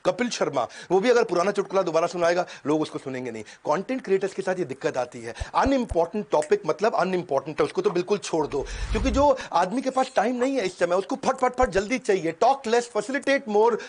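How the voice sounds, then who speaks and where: A man coaching an audience in an energetic motivational seminar, talking in quick punchy bursts and sudden pauses, dropping English catchphrases in. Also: sits high. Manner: mixes English catchphrases into Hindi. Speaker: business coach.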